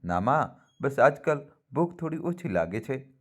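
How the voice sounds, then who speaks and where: A man's voice: medium pitch, big pitch swings, a little slow, husky, voice pushed up. A man voicing a young wife who bickers playfully with her husband in a storybook reading.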